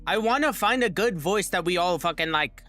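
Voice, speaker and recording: A man's voice: high-pitched, animated, fairly quick, bright, forceful tone, faint music behind. A man streaming a game live, talking in a blunt, offhand way, swearing casually and answering his viewers. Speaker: livestreamer helping viewers in a game.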